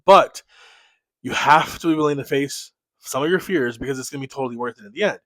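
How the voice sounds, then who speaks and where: A man's voice: mid-range voice, fast talker, a bit bright, no echo. Nasal man with a cold, pep talk. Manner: blunt, swears freely, pep-talk energy. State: has a cold. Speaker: online business coach. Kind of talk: motivational vlog talk.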